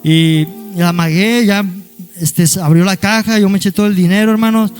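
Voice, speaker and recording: A young man, telling a congregation his life story in a halting, repetitive way, often adding asides to his listeners. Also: high voice, fairly even intonation, soft background music. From Monterrey area, Mexico. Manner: halting, repeats words, keeps adding "hermano" and "¿verdad?"; peppers his talk with "aleluya". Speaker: guest giving a church testimony. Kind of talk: personal testimony to a congregation.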